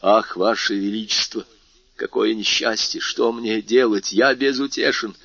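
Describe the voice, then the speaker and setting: A man's voice: lowish voice, a little slow, fairly bright tone, no room sound, highs cut off. A man reading a novel aloud, voicing a frightened male minister of police who pleads and stammers before his king. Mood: distraught. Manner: pleading, distraught.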